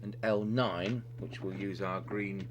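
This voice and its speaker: A deep male voice with fairly even intonation moves at a slow pace. He's hesitantly narrating a radio repair step by step in an unplanned, hands-on demonstration at an indoor workbench. Electrical hum makes the recording noticeably noisy.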